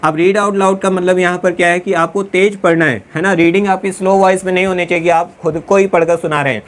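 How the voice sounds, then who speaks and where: Higher-voiced man teaching a class. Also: fairly even intonation. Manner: dictates slowly word by word, asks "है ना" and "clear" often. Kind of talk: classroom lecture.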